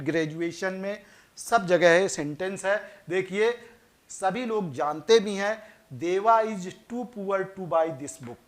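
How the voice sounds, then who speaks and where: Male English tutor, high voice, unhurried lesson delivery that repeats each point. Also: a bit bright. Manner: slow explaining, repeats points, reads example sentences slowly. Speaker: English teacher. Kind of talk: classroom grammar lesson in Hindi.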